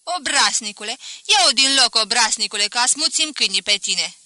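A woman's voice: high-pitched, expressive, sharp tone, no echo, voice pushed up, full character voice. A woman voicing a furious, threatening old spinster who shrieks insults.

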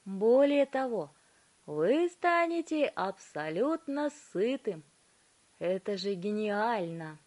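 A woman voicing an excitable, fussy male candy inventor who gushes about his inventions and pleads anxiously. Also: mid-range voice, slow, pitched above the performer's own voice. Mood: excited, pleading.

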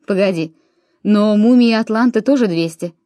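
A woman voicing a young, cautious Roman emperor in an audiobook, speaking in a measured, questioning way. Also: mid-range voice, mellow, no echo, studio quality, lightly acted.

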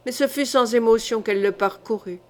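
A woman reading a historical novel aloud as an audiobook, in a measured, dramatic storytelling manner. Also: a little high, a little mellow. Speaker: audiobook reader. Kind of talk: literary audiobook narration.

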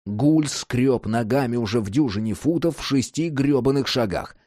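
A man narrates an audiobook, lifting and dropping his voice to drive the action. His reading is animated and dramatic. The sound is close and dry, with no room in it. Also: medium pitch, normal speed, dry recording.

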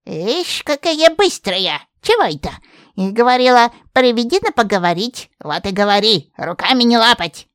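A woman's voice: mid-range voice, sing-song, measured pace, fairly bright tone, no echo, clean studio sound. A woman voicing a grumpy old forest witch who talks like a rustic village granny, in an audiobook. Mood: scolding. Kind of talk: audiobook character voice.

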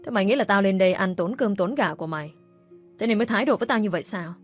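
A woman's voice: medium pitch, rapid-fire, faint music behind, close to an everyday voice. Woman voicing a scolding bitter mother-in-law. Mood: nagging. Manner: scolding, accusing. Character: bitter nagging middle-aged mother-in-law.

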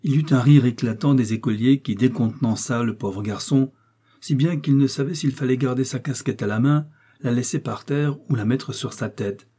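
Male audiobook narrator, mid pitch, dark and husky, measured literary reading. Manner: measured, even storytelling delivery.

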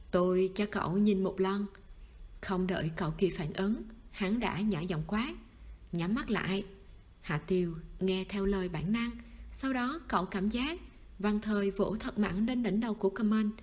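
A woman narrating a novel in steady storytelling fashion. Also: mid-range voice. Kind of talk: audiobook narration.

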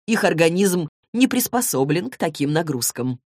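A woman voicing a haughty male warlock who speaks slowly and condescendingly. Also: on the low side, sing-song, darkish tone, no room sound, clean studio sound. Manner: slow, drawling and condescending.

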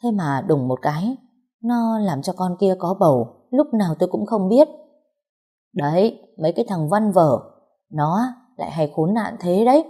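A young woman narrating a first-person romance story in a calm, wry way. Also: fairly low pitch. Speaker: audiobook narrator.

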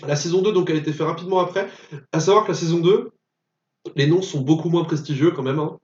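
A man's voice: on the high side, fast. A man co-hosting a casual film podcast, blunt and opinionated. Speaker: podcast co-host. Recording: echoey room, distant dull mic.

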